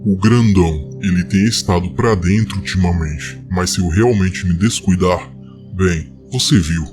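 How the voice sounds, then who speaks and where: A man voicing a hulking green male monster, deep and gruff, speaking in short broken sentences over music. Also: a little slow. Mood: gruff, calm.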